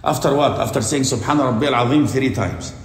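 A man's voice: mid-range voice, moderate pace. A man giving a teaching sermon in a mosque. He explains in English, chants the Arabic verses, and puts rhetorical questions to his listeners. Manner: mixes English teaching with chanted Quran recitation; asks rhetorical questions to the audience. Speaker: mosque lecturer. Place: mosque hall. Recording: echoey hall with long reverb.

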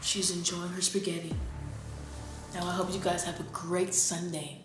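Deadpan girl doing a goofy skit, yells out of nowhere, super echoey with music. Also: fairly low pitch, moderate pace. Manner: deadpan, then bursts into shouting. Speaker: vlogger. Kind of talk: playful skit with girlfriend.

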